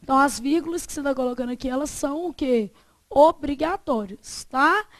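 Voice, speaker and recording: Leading a Portuguese grammar class with energy, a high-pitched female teacher asks the students questions, then supplies the answers herself. She speaks a little fast, recorded without echo.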